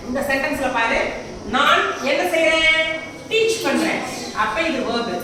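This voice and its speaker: High bright-voiced teacher in echoey room. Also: female voice, measured pace. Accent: Tamil. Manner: explains in Tamil mixed with English, asks frequent check questions. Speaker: English teacher. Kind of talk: classroom grammar lesson. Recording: very echoey room, voice far from mic, faint background noise.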